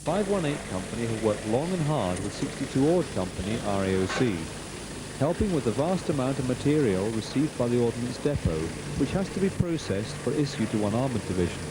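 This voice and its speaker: A man's voice: mid-range voice, very animated, brisk, noisy background. A man reading scripted narration for a military documentary.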